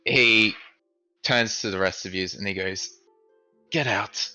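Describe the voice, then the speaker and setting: A man narrating as game master of a tabletop game, casual and halting. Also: deep voice, steady tone, bright, forceful tone, clean tone, soft background music.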